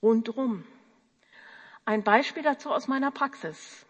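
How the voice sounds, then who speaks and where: A woman tells a story from her practice, unhurried and earnest, and now and then puts on the voices of the people in it. Her voice sits fairly high and sounds soft and breathy. The sound carries a long reverb, as if she were speaking in a hall. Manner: slow, earnest, quotes others' voices. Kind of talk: storytelling talk.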